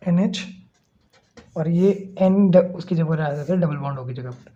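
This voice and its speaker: A man lecturing on chemistry with a mellow, soft-edged tone. He walks through each step patiently and keeps checking in with his listeners. The recording sounds a little muffled and lo-fi. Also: a little high, a little slow. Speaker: chemistry teacher. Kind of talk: classroom lecture.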